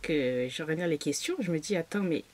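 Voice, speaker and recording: A woman, talking in a slightly low, breathy voice. She chats casually and cheerfully for her video, dropping fillers and laughing often. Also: expressive, brisk, darkish tone. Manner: chatty and bubbly, with frequent fillers and laughs. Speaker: booktuber. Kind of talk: casual chatty vlog.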